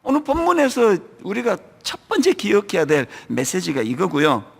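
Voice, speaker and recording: A middle-aged man from the region preaching a sermon, lively and acting out church members in quoted asides. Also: sits high, moderate pace, creaky, breathy edge. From Gyeongsang region, Korea. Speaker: pastor. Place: large church sanctuary. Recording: long hall reverb.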